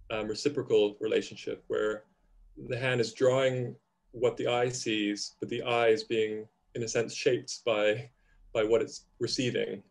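A man in his thirties, who grew up in Indonesia, speaking on a video call from a home room, thoughtful and hesitant with restarts. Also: mid-range voice. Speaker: panel speaker. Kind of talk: reflective conversation.

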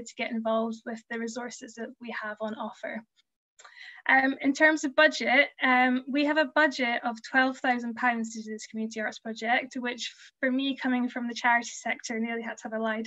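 A young museum community learning officer gives a conference presentation over slides, earnest and explanatory with frequent ums. Her voice is on the high side and sharp in tone, but a little worn because she's losing it. The webcam audio from the video call is dull and lo-fi.

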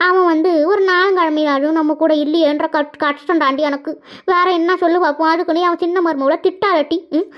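A woman voicing a self-pitying old village grandmother in a cartoon, with a sing-song, lamenting way of scolding. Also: very high-pitched. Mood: defensive. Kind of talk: cartoon voice acting. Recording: dull lo-fi recording.

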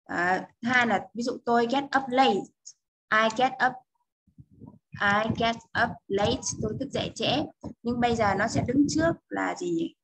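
A woman with a Vietnamese accent gives a bilingual English lesson. Her voice is fairly high and a little husky. She slows down for the English phrases and keeps checking that her students follow. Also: a bit bright, poor audio. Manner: explains step by step, often checks with "được chưa?". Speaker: English teacher.

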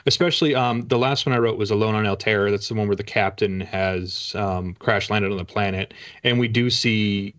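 Over slightly dull video-call audio, a middle-aged Canadian author is interviewed from a book-lined room. His voice sits on the low side and is a bit bright, with fairly even intonation, a moderate pace and few pauses, and he chats casually with self-deprecating humor.

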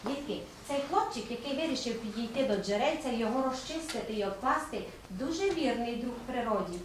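Middle-aged woman, primary teacher, patient and coaxing; high voice, picked up from far off in a very echoey classroom. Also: lively intonation, fairly quick. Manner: patient, coaxing, praising pupils. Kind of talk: open classroom lesson. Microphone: distant camera mic. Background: faint room noise.

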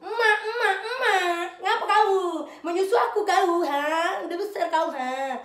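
A woman playing a pregnant mother, very high and shrill, slow nagging, sing-song complaining, echoey room. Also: a bit bright. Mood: scolding. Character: shrill, exhausted pregnant mother scolding her grown daughter. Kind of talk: comic skit acting.

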